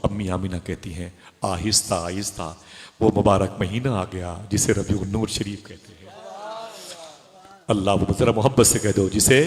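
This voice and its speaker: A man with a fairly low voice delivers an emotional religious sermon to a live gathering. He storytells with passion, rising to high cries and sinking to hushed tones. His voice rings with the long reverb of a big hall. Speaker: Islamic preacher.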